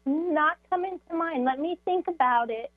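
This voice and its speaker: Woman caller losing her voice, kinda high, tinny phone line, hesitant chat. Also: normal speed, dry recording. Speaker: call-in show caller. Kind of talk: casual chat on a call-in show.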